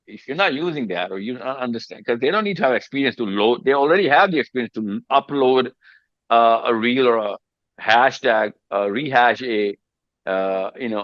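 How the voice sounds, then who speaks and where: A man leading a video call meeting, coaching his team in an emphatic, animated way and calling people "buddy". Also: medium pitch, dry recording, dull audio. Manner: emphatic, calls people buddy, repeats words.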